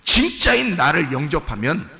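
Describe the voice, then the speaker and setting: A man preaching a sermon as a pastor, dropping to low murmurs and then rising to shouted emphasis. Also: very animated, moderate pace, creaky, in a large hall. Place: church sanctuary.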